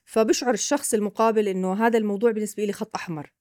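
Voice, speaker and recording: A woman's voice: medium pitch, steady tone, racing, darkish tone, no room sound, clean studio sound. A woman with a Levantine Arabic accent, patiently explaining ideas with examples as a guest expert on a podcast.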